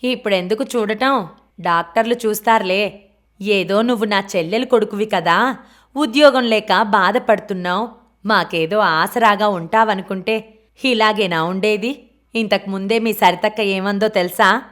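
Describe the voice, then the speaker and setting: A woman voicing a sharp-tongued older aunt who scolds her lazy nephew, read in an audiobook. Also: mid-range voice, normal speed, close to an everyday voice. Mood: reproachful. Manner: scolding, reproachful.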